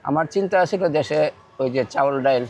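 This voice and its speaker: A middle-aged man with a Bangladeshi Bengali accent, a poor food seller speaking humbly and haltingly on a city street. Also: fairly high pitch, darkish tone, a little hiss or hum. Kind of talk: casual street conversation.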